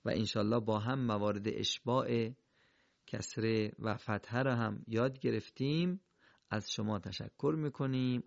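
A man teaching Quran recitation in a recorded lesson, explaining the rules step by step and modeling each pronunciation slowly. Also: medium pitch, creaky, no echo. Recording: dull lo-fi recording.

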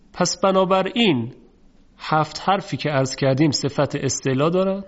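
A man teaching Quran recitation with a slightly high voice. He explains each letter plainly, then stretches the example words out slowly. The recording sounds dull and lo-fi. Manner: slow, drawn-out demonstration of heavy letter sounds. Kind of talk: tajweed lesson.

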